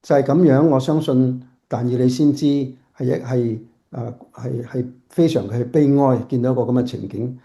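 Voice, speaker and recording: Male pastor preaching at home, deep mellow tone, halting delivery with restarts. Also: vocal fry. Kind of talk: sermon.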